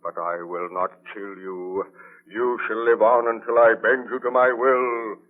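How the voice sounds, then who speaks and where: Slow, vengeful monster played by a man, tinny old radio. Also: fairly low pitch, steady tone, natural voice. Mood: threatening. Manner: slow, portentous, declamatory. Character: anguished, vengeful male monster, lonely man-made creature. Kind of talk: 1930s radio drama acting. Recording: tinny band-limited 1930s radio broadcast.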